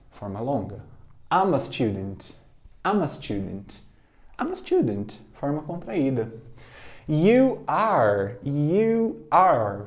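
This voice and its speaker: Brazilian male teacher, slow deliberate delivery, mellow voice, patient repeat-after-me drills. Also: medium pitch. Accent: Brazilian Portuguese. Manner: patient, repeats phrases for students, frequent "né?"; clears throat now and then. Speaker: English teacher. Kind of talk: recorded lesson, explaining and drilling pronunciation.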